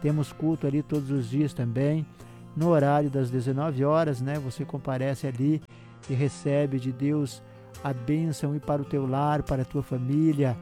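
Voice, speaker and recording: A man from Brazil hosting a religious radio program, addressing listeners with a warm pastoral manner. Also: mid-range voice, steady tone, moderate pace. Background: soft guitar music.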